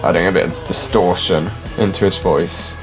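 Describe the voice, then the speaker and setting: Deep-voiced man giving chatty music reaction. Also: fairly even intonation, normal speed. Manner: chatty, hedging, filler "like", musical terms. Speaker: classically trained musician reacting to songs. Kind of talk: casual reaction commentary with music analysis. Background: faint music from the reacted video.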